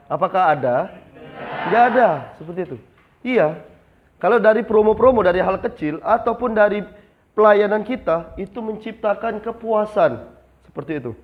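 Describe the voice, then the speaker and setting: A young man training new retail staff in a classroom, asking the class questions and answering them himself. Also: on the high side. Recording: slightly dull lo-fi sound.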